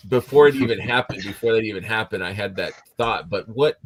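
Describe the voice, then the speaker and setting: A man's voice: fairly low pitch, brisk, crowd noise. A man hosting a live panel chat, asking questions in a casual, hesitant way with many fillers. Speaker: host.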